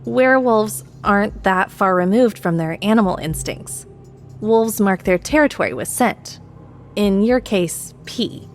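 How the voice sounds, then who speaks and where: A woman voicing a quiet, clever young woman who explains things in a level, matter-of-fact way. She stays calm and plain, slightly above the narrator's pitch, with faint music beneath. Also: a little slow.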